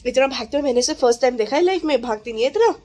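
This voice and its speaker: A woman's voice: high-pitched, expressive, very fast, darkish tone. A young woman vlogging in casual chat, teasing and laughing often, switching between Hindi and English.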